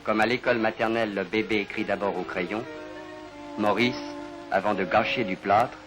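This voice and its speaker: A man's voice: on the low side, steady tone. Formal 1950s broadcast documentary narrator, man. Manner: measured, formal, poses rhetorical questions. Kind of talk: scripted narration. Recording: narration over clear background music.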